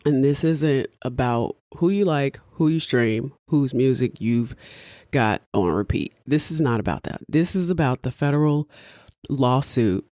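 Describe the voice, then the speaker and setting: A woman's voice: extremely low pitch, lively intonation, unhurried, warm tone, no echo, studio quality. An American woman in her thirties or older, hungover, giving casual solo podcast commentary in a candid, digressive, conversational way with offhand swearing. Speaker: podcast host.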